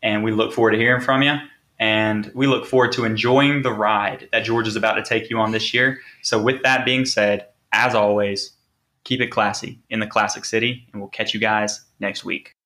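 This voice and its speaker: A man's voice: fairly low pitch, steady tone, normal speed, pushed and bright. A man hosting a sports podcast, talking casually and driving points home with rhetorical questions. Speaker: podcast host.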